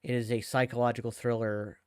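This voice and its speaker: A man guesting on a casual podcast, his voice smooth and resonant. He weighs in with measured, agreeable opinions. The sound is dry and close. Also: medium pitch, level tone, no echo.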